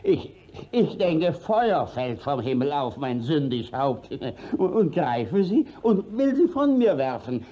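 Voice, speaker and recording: In a classic German radio play, a slow male voice on the high side plays a shifty, blustering village judge hiding his misdeeds. It's a full character voice with big pitch swings, flustered and evasive, hesitating and stammering through fillers. The old 1950s radio recording sounds dull.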